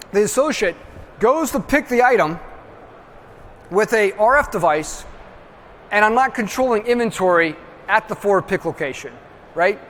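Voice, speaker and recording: A man giving an emphatic trade-show presentation, tagging his points with quick check-ins to the audience. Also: high-pitched, a bit bright, slight background noise. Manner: emphatic, constantly checks in with "right?". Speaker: industry presenter. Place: large trade-show hall. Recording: reverberant hall with faint ambience.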